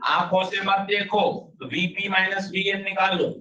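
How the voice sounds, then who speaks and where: A male teacher giving a lively classroom physics lecture, drilling students with rapid questions and urging them on. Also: high-pitched, a little hiss or hum. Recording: dull roomy classroom sound from a distance.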